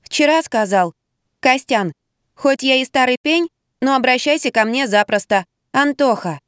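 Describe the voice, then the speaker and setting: A woman voicing a chatty, blunt little boy of six in an audiobook, speaking in a high, drawn-out childish way. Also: expressive, clear, resonant tone, dry recording, studio quality. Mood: chattering.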